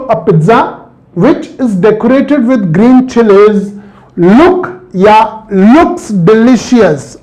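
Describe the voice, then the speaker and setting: A man's voice: high-pitched, a little mellow, poor audio. A man teaching a grammar lesson and quizzing his viewers with questions as he goes. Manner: talks to viewers, quizzing them with rhetorical questions. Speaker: English teacher.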